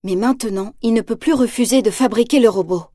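A woman narrating a children's storybook aloud, lively and expressive. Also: a little high, a little fast, dry recording, studio quality. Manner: lively, acts out quotes in raised voice.

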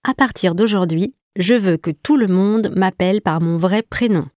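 A woman voicing a shy, gentle little male cat in a storybook, softly thankful. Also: medium pitch, normal speed, no room sound, studio quality, lightly acted. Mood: grateful.

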